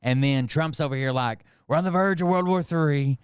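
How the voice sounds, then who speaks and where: A man from Montreal, Canada hosts a casual political commentary show, reacting to political clips. He's blunt, swears a lot and has a mocking edge. His clean, smooth, slightly high voice comes at a moderate pace, recorded close and dry with no room sound.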